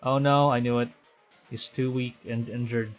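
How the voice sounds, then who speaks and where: This man from the Philippines is a VTuber streaming a game, halting as he thinks aloud and tripping over visual novel lines he reads out. His pitch sits in the middle and his tone stays level, with game music playing behind him.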